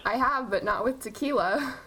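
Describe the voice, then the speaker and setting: A woman interviewer asking measured questions and laughing easily. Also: on the high side, bright, forceful tone, a little hiss or hum, rough recording.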